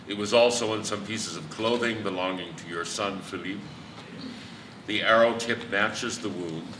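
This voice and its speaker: A man playing a calm, firm chief inspector. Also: fairly low pitch, noisy background, natural voice. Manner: measured, steady questioning. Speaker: stage actor. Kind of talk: amateur stage play. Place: live theatre stage. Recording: echoey hall from far off.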